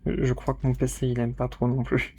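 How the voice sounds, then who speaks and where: A man streaming a video game alone, muttering to himself and shouting out spell words. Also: mid-range voice, flat delivery, fairly quick, vocal fry, husky. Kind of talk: casual let's-play commentary.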